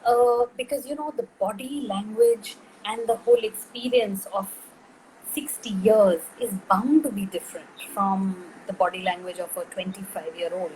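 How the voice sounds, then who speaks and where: A woman's voice: mid-range voice, normal speed, a little mellow, a little hiss or hum, low-quality recording. A middle-aged woman, a film director being interviewed, speaking thoughtfully with frequent fillers and restarts. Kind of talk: interview conversation.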